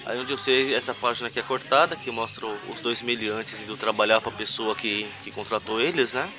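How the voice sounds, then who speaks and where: A man's voice: lowish voice, fairly even intonation, a little fast, over music. A man with a Brazilian Portuguese accent co-hosting a casual comic book review chat, wry and sarcastic. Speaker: podcast co-host.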